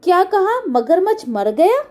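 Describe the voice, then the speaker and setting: A woman's voice: very high-pitched, big pitch swings, unhurried, a little mellow, pitched above the performer's own voice, exaggerated voice. A woman voicing a sly, wary male jackal, read out from a children's storybook play. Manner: questioning, suspicious storybook reading.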